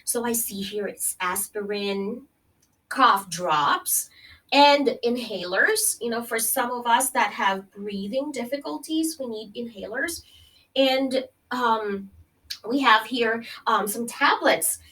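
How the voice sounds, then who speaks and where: Reading along with children at a very slow pace, a woman teacher with a fairly high, pushed, bright voice talks straight to her young audience, pausing to explain and check in with "okay?" and "right?". She's far from the mic, and the audio is poor.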